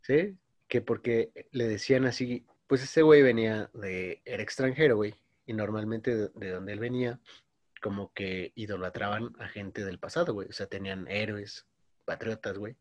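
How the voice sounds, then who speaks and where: A man in his twenties with a Mexican Spanish accent tells a long story in casual slang. His voice sits fairly low. The sound is dry and close, with no room around it. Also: moderate pace, a little mellow, dry recording. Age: 20s. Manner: slangy, says "güey" constantly, storytelling. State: coughing. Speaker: podcast co-host. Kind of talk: casual chat.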